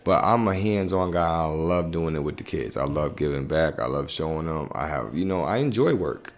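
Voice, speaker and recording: Rumbling low and animated at a normal speed, this basketball coach from Bridgeport, Connecticut, who also works at a youth facility, chats through a podcast interview in his thirties. He spins colloquial stories, often checking in with "you know what I'm saying," captured by a desktop condenser mic in a small room.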